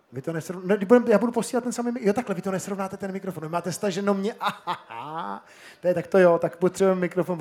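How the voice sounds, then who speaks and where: Man, high voice, panel moderator, chatty and joking, outdoor festival stage, handheld mic. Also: a little mellow. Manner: chatty, joking, switches between Czech and German. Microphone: shared handheld microphone.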